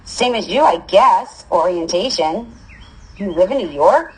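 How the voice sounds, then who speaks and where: A woman voicing a sharp-tongued, nervous teenage girl in a storybook reading. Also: mid-range voice, lively intonation, unhurried, husky, rough recording. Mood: wry.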